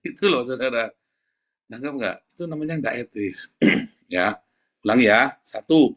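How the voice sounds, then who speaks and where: A male pastor, preaching bluntly and scolding his listeners directly. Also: fairly high pitch. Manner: blunt, scolding, repeatedly addresses listeners as brothers. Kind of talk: blunt sermon to an online congregation.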